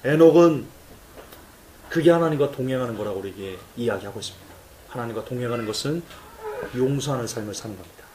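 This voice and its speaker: A male pastor preaching a sermon in church, emphatic and animated, telling stories and acting out cries. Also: medium pitch, quick pace, echoey room, recorded from a distance, slight background noise.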